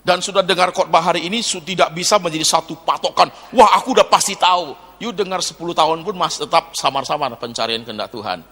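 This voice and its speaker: Bright-voiced preacher in a reverberant hall. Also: male voice, fairly high pitch, fast talker, few pauses. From Indonesia. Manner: animated preaching, swinging from soft asides to loud exhortation. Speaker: pastor. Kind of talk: sermon.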